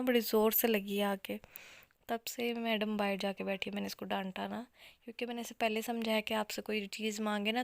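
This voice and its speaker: A woman chats straight to her vlog viewers from home, slipping into laughter as she talks. Her voice sits a touch high with a gravelly edge, recorded close and dry. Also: no echo. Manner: chatty, addresses viewers directly, laughs while talking. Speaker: family vlogger and mother. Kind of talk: casual family vlog chat to viewers. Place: at home, indoors.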